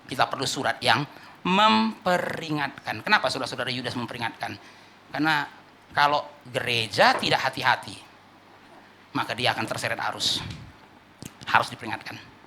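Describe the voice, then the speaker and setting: A man preaches a sermon as pastor, his voice bright and ringing. His pitch leaps around expressively as he fires off rhetorical questions. He swings between forceful peaks and hushed asides. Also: lively intonation, normal speed, pauses often, slight background noise. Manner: preaching with rhetorical questions, acting out people he quotes.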